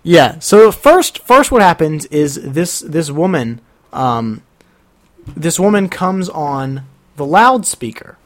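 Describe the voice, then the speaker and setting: A man's voice: fairly high pitch, very animated, slow. A young man telling a story in casual chat, rambling and often breaking off mid-sentence. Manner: rambling, self-interrupting storyteller.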